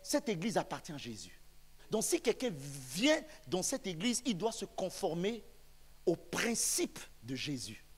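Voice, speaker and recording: A man from the Central African Republic, a pastor preaching a sermon in a church, speaking emphatically and rising to shouts. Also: high voice, sing-song, measured pace, husky. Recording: long reverb of a church hall.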